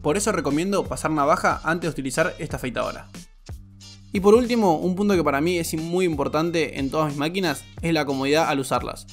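A man's voice: on the high side, fast, soft background music. A man, a barber giving a frank, explanatory voice-over tutorial. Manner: frank, explanatory, repeats "muy pero muy". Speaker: barber reviewing shavers.

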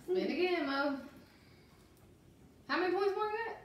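A woman's voice: extremely high pitch, animated, moderate pace, dull audio. A woman casually running a family game at a kitchen table in a playful, teasing way. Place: home kitchen dining room, indoors. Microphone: camera across the table. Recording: very echoey room, faint noise and clicks.

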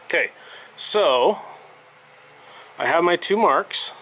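A man who repairs violins, explaining each step of a workshop tutorial in a relaxed, step-by-step way while working at his bench. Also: on the high side, takes it slowly, breathy edge. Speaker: violin maker.

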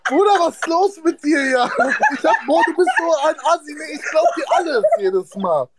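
A man joining a casual phone livestream, teasing and lively in his chat. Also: very high-pitched, normal speed, heavy background noise. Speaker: livestream guest.

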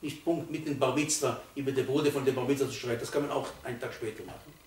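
Old rabbi preaching with emphatic swells. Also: male voice, mid-range voice, fairly even intonation, fast, a little hiss or hum. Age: 80s. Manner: emphatic, swells from quiet to loud for stress. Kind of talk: Torah sermon. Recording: roomy, distant mic, faint ambience.

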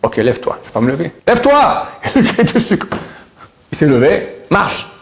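Male rabbi, mid-pitched, lively storyteller who acts out the quotes. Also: fast talker, vocal fry. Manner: lively storyteller, acting out quoted voices with loud high bursts. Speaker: rabbi teaching a class. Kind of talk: storytelling Torah class.

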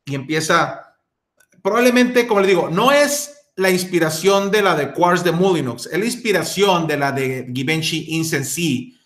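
Middle-aged guy rambling about a perfume, a bit high-pitched, roomy echo. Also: lively intonation, normal speed, a bit bright. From Mexico. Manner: chatty, many fillers and restarts. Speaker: fragrance reviewer. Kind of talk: casual spoken review.

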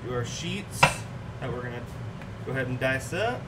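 Speaking in an expressive mid-range voice at a moderate pace, a young man runs a casual home cooking livestream, prepping food and chatting with viewers. The recording comes from a distant mic with clear room noise.

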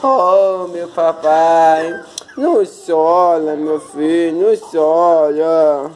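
A man, gently soothing a crying puppy in baby talk. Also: fairly high pitch, extremely slow, noisy background. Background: puppy whimpering.

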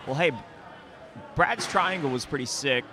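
A young adult man with a slightly high, a little slow voice speaks over a busy crowd. He's a podcast co-host and MMA fighter and coach, recapping fights and telling stories in an informal, slangy way. He sits at a table in an indoor event venue, speaking into a podcast microphone on a boom arm.

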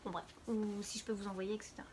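A woman's voice: medium pitch, level tone, quick pace, heavy background noise. A woman co-hosting a casual knitting podcast, chatty and sometimes trailing off into near-whispers. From France. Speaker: podcast co-host. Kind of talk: casual chat about knitting.

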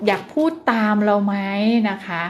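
A woman teaching parents how to encourage a child's speech, gentle and coaxing, who slows down and stresses words when she demonstrates. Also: a little hiss or hum. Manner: gentle, coaxing, often ends phrases with polite particles. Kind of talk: parenting advice lesson.

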